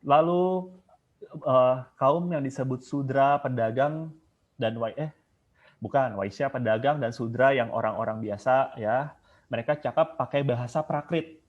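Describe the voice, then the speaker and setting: A man's voice: mid-range voice, measured pace. Casual male online lecturer, muffled audio. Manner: casual and digressive, sometimes chanting examples. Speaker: guest speaker teaching chanting. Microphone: video call. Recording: muffled video call audio.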